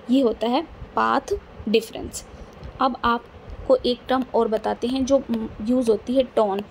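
Against slight background noise, a woman with a fairly high, gravelly, slightly mellow voice teaches physics in classroom fashion. She repeats herself patiently and keeps checking that the students are with her.

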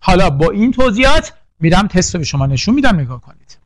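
A man's voice: sits high, big pitch swings, no room sound. A man teaching a poetry lesson for exam prep, drilling lists and quizzing the class with questions. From Iran. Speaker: literature teacher.

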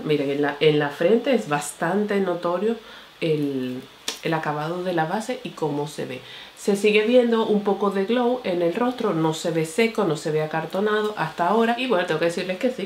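In a casual vlog recorded in an echoey room with slight background noise, a beauty vlogger reviews makeup products. Her lowish voice is expressive and moves at a normal speed as she chats with viewers, calling them "señores" and "mi amor".

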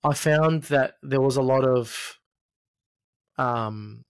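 A man in his late thirties from Egypt and Australia, a podcast guest sharing personal stories in a reflective, halting way with repeated phrases. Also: mid-range voice, clear, resonant tone. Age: late 30s. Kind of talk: personal storytelling in conversation. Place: small home studio, indoors. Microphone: close podcast mic on arm.

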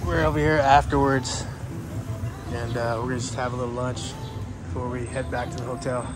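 A middle-aged man narrating a casual travel vlog as he walks outdoors, talking in a relaxed, rambling way with lots of fillers and restarts, holding the camera at arm's length. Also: medium pitch, a little fast, background noise. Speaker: travel vlogger. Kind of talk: casual walking tour narration. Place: outdoors by the sea, streets and hotel balcony. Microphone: handheld camera at arm's length.

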